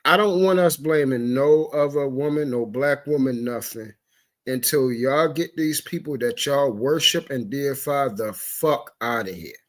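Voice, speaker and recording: A man's voice: medium pitch, a little slow. A man on a livestream talk show, ranting in a heated, profane way, stammering through restarts and breaking off to apologize again and again. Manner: stammering restarts when upset. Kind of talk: impassioned livestream commentary.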